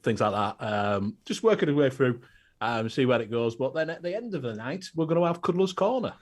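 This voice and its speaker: A man's voice: mid-range voice, lively intonation. A man from England, a radio presenter, joking around in a casual live chat. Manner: joking, quick-fire.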